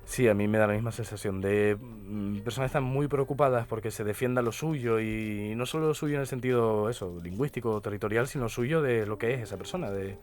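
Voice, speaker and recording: Fast-talking Canarian man, chatty linguist. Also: on the low side, darkish tone. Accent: Canarian Spanish. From Canary Islands. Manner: talkative, explains with many tag questions. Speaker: guest linguist and poet. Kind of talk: radio interview conversation. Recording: radio studio with faint music behind.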